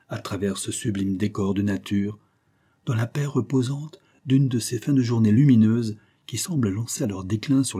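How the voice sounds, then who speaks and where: A man narrating a classic adventure novel aloud in a measured, dramatic reading. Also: on the low side, warm tone, slightly rough. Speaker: audiobook narrator. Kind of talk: scripted narration.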